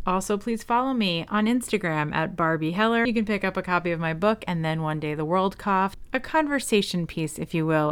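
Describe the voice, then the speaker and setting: Gushing woman podcast host, low voice. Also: clear, resonant tone. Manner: gushing, enthusiastic. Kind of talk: upbeat podcast interview.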